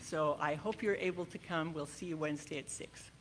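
A woman's voice: low-pitched, a little fast, a little hiss or hum. A woman from the congregation giving a chatty announcement, bubbly and often correcting herself. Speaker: church member giving an announcement. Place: church sanctuary.

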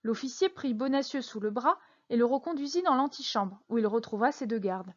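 A woman narrating a novel aloud in a calm, even storytelling manner. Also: a little high, brisk, dull audio.

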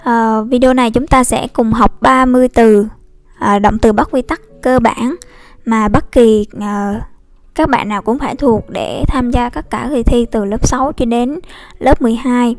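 A woman teaching an online lesson, explaining slowly and patiently with many fillers. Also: fairly high pitch, no echo. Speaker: English teacher. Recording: dry close recording with faint music.

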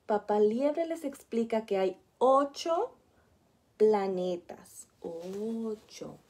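A woman preschool teacher reading a picture book aloud to small children. She explains gently and often stops to point out the pictures. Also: a little high, lively intonation, takes it slowly.

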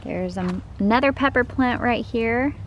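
A woman's voice: fairly high pitch, measured pace, highs cut off. A young woman giving a casual, enthusiastic tour of her backyard vegetable garden, filmed outdoors on a handheld camera while she walks. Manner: chatty and enthusiastic, pointing things out as she walks. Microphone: handheld camera, filming while walking. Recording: outdoor camera audio with clear background noise.

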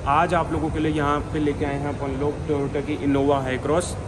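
A man's voice: a little high, level tone, normal speed, noisy background. A man in his twenties giving a casual car walkaround for viewers in an indoor showroom, chatting with lots of filler words. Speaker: car reviewer.

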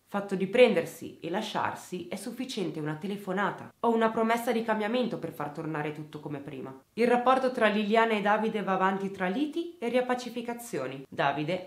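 Woman reading a true crime story, serious and hushed, medium pitch, echoey room. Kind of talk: scripted true crime narration.

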